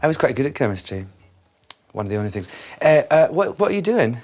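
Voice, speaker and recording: A man's voice: mid-range voice, very animated, fast, darkish tone. Male presenter, casual on-location chat, faint music behind. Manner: chatty, curious questions. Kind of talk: on-location interview. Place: on location in a coffee shop.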